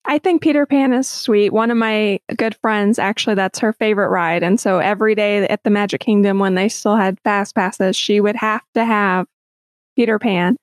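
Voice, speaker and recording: A chatty woman in her thirties hosts a relaxed conversation in an upbeat tone, laughing now and then. Her voice sits at a middle pitch and sounds close and dry, with no room around it. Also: moderate pace, dry recording. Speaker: host. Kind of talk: casual chat.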